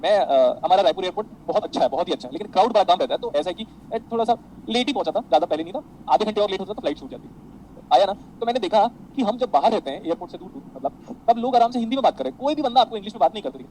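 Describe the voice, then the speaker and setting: Fast-talking man teaching a class. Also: sits high, a little hiss or hum, poor audio. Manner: animated, addresses students as beta, tells anecdotes. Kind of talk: classroom lecture.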